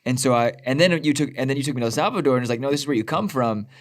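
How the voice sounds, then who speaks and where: Brief: young adult man from Southern California, relaxed talker full of fillers, mid-pitched. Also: rapid-fire. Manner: casual, lots of filler likes. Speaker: podcast co-host. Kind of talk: casual conversation.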